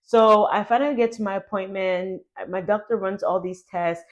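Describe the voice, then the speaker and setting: A young adult woman telling a personal story to her vlog audience in a chatty, animated way, full of "like". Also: mid-range voice, normal speed. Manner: chatty, animated, heavy use of "like". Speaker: YouTuber.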